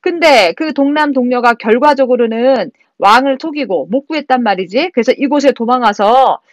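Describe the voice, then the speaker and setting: A man's voice: extremely high pitch, normal speed, no room sound. A woman reading out a stern scolding monk general. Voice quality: blunt, casual scolding speech.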